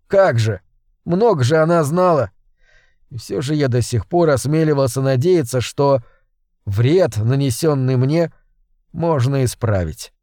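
A man's voice: medium pitch, dark tone, no echo, studio quality. A man reading a first-person horror story aloud in a tense, dramatic way. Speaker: audiobook narrator.

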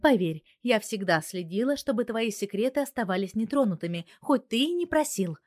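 A woman voicing a sharp-tongued young wife, a computer genius who scolds and gives orders. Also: a little high, expressive, fairly quick, dry recording, studio quality, pitched above the performer's own voice, natural voice. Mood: earnest. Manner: commanding, scolding.

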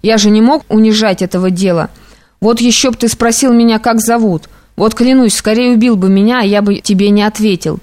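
A woman's voice: mid-range voice, darkish tone, close to an everyday voice. A woman voicing an overjoyed anxious young clerk. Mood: excited. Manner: emotional, rushing, pleading.

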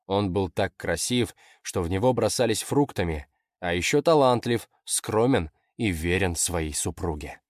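A man reading fiction aloud in a measured, expressive narration. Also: sits low, no room sound, studio quality. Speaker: audiobook narrator. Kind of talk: scripted narration.

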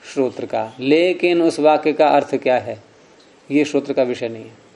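A man's voice: medium pitch, normal speed, gravelly, a little mellow. A man teaching Sanskrit philosophy in to a class, reciting sutras and questioning his students as he goes. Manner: questions the class often, repeats key words, Sanskrit recitation. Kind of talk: classroom lecture explaining sutras.

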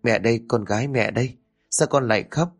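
A man's voice: mid-range voice, fairly quick, husky, soft background music. A man voicing a hesitant young mother who stammers and pleads. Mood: anxious.

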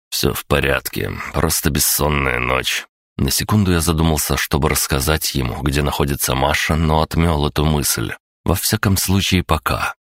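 A man narrating an audiobook in a measured, even first-person telling. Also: extremely low pitch, no echo, clean studio sound.

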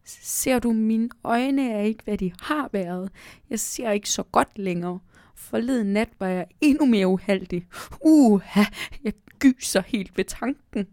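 A woman's voice: warm tone, no room sound, studio quality, natural voice. A woman voicing an old, shortsighted owl who is embarrassed and apologetic, read for a children's storybook. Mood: flustered. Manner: flustered and apologetic, high-pitched.

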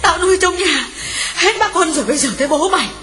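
A woman's voice: medium pitch, animated, normal speed, lightly acted. A woman voicing a frightened, grief-stricken young village mother who sobs and wails as she speaks. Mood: hysterical. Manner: wailing, sobbing speech. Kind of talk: audiobook character voice. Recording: reverberant with background music.

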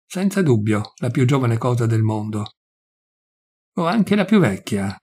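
A man reading a literary story aloud in a measured storytelling manner, lightly voicing the dialogue. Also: medium pitch, very animated, a little mellow, husky. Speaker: reader.

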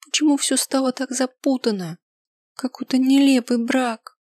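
A woman's voice: sits high, fairly even intonation, normal speed, a little mellow, no room sound, clean studio sound, voice pushed up, close to an everyday voice. A woman voicing a distraught young woman who speaks in a strained, tearful, raised voice. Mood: distraught, angry.

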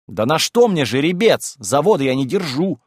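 A man voicing a polite, scheming middle-aged gentleman who talks evasively and with wounded dignity in an audiobook reading. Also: fairly high pitch, sing-song, normal speed, no echo, clean studio sound. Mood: wheedling.

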